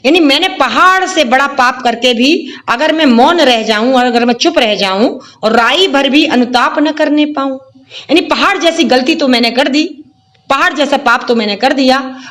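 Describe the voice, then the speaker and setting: A woman teacher explaining a Hindi poem, reciting verses slowly and then paraphrasing them in plain words. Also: high-pitched, a bit bright.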